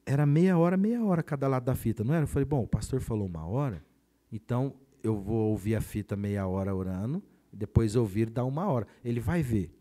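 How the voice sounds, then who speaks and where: A man with a Brazilian Portuguese accent, a pastor telling a personal testimony in a podcast conversation, animated and acting out the voices of the people in his story. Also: mid-range voice, brisk. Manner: animated storyteller who acts out quoted voices.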